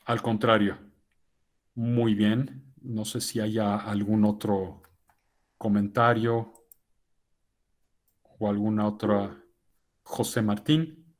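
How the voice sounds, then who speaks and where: A man giving a lecture to teachers, explaining points in a measured way and often tagging sentences with "¿no?". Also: fairly low pitch, level tone. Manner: measured and explanatory, with frequent "¿no?" tags. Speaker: guest lecturer speaking to teachers. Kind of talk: lecture answering a question.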